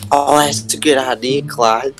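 A man's voice: mid-range voice, steady tone, measured pace, over music, close to an everyday voice. A man playing a rowdy, goofy redneck, scheming and childlike, in an improvised video game role-play.

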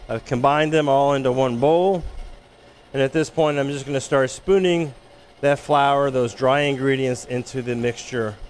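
A man working as a chef instructor, giving a relaxed, explanatory cooking demonstration in an instructional kitchen. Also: mid-range voice, normal speed, a little hiss or hum. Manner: relaxed, explanatory, with frequent restarts.

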